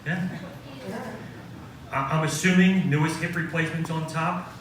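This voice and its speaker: Middle-aged male comic, slightly high voice, self-mocking stand-up set, heard through a far mic in a very echoey room. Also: fairly even intonation, moderate pace, a crowd in the background. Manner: self-deprecating punchline delivery. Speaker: stand-up comedian. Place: coffee house stage.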